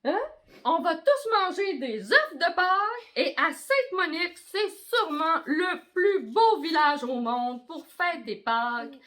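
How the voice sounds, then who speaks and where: A woman's voice: very high-pitched, very animated, unhurried, a bit bright, voice pushed up, full character voice. A woman with a Québécois accent voicing a jovial village mayor in a storybook, announcing a party. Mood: festive. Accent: Québécois French. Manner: festive, announcing.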